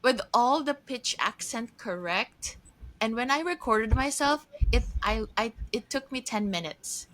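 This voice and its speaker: A low-quality recording with no echo captures a woman's high, expressive, slightly bright voice. In her early thirties, from the Philippines and living in Japan, she co-hosts a casual chat with an old friend, laughing often and talking in quick bursts with restarts.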